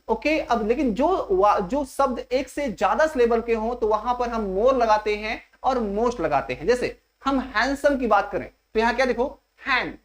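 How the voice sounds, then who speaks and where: A woman teaching an English grammar lesson in an exam coaching class. She steps through each point slowly and keeps asking the class rhetorical questions. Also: fairly high pitch. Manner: slow and repetitive, spelling out each step.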